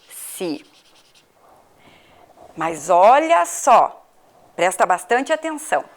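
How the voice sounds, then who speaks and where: A woman's voice: fairly high pitch, fairly bright tone. A woman from Brazil, a primary school teacher, giving a patient video lesson to children and asking them questions. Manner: patient, questioning the pupils, spells out letters.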